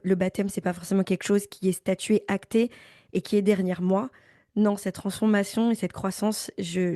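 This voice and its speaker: Young Parisian woman, dark mellow voice. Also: mid-range voice, dry recording, clean studio sound. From Paris, France. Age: young adult. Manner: thoughtful, many hesitations and repeats. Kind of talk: casual interview talk.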